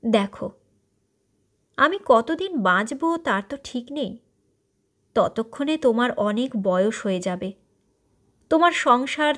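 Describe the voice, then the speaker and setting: A woman's voice: high voice, a bit bright, heavily acted. A woman voicing an ailing older wealthy man who speaks earnestly and persuasively in a story reading.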